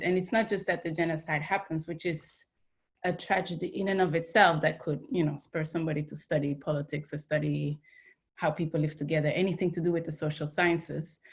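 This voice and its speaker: A woman from Belgium speaks as a panelist on a video call, her voice on the low side. She talks earnestly and works through her thoughts aloud, with restarts and fillers. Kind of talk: academic panel discussion.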